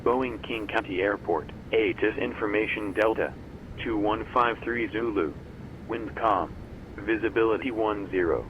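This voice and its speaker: A man's voice on a recorded airport weather broadcast played over the radio, read out in measured, formal announcement phrasing. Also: fairly low pitch, dull audio, a little hiss or hum. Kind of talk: automated broadcast readout.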